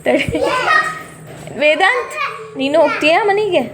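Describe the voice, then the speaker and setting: High-voiced teasing teacher with North Karnataka accent. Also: female voice, expressive, unhurried, very noisy. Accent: North Karnataka Kannada. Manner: playful mock-scolding. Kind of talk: teasing children in class. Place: school classroom.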